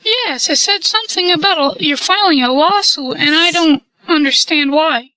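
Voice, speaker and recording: A man using voice changer software to sound like a calm, cooperative woman on a prank phone call. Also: extremely high pitch, moderate pace, no echo, full character voice. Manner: calm and cooperative, answers briefly. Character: polite, unhurried adult woman caller. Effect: voice changer software making him sound like a woman. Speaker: prank caller.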